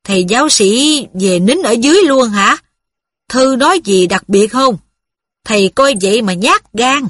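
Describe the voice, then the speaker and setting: A man's voice: extremely high pitch, lively intonation, unhurried, fairly bright tone, no room sound, studio quality, exaggerated voice. A woman voicing a kindly, plain-spoken middle-aged male worker who talks in an earnest, folksy way. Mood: reminiscing.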